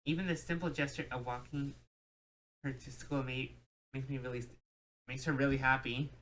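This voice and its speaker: A woman's voice: rumbling low, steady tone, moderate pace, a little hiss or hum. A woman hosting a game playthrough, reading the story text aloud with joking asides. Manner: reads dialogue with joking asides. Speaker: let's play host.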